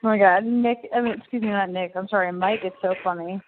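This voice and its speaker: A woman's voice: mid-range voice, fairly even intonation, fast talker, a little hiss or hum. A woman talking over a prison phone line, eagerly explaining things in a casual way with many "like"s. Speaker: person on the other end of a prison call.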